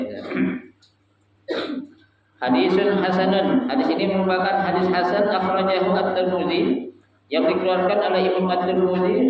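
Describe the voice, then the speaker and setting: A man with a high-pitched voice leads an Islamic study lesson for a live group, posing questions and letting the audience answer, and chanting Arabic phrases in a sing-song way. He sounds far away in an echoey room, the sound is dull, and there's slight background noise.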